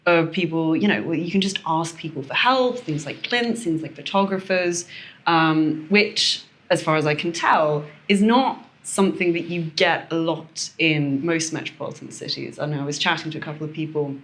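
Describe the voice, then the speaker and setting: Lower-voiced woman hosting a chatty podcast, jokes around, keeps it upbeat. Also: moderate pace. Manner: playful, jokey, encouraging. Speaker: podcast host. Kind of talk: casual interview chat.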